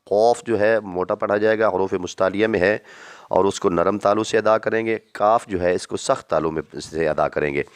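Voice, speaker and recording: A man teaching Quran reading, calling out each letter long and loud, then explaining it softly. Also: lowish voice, clean tone, dry recording. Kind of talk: recitation lesson.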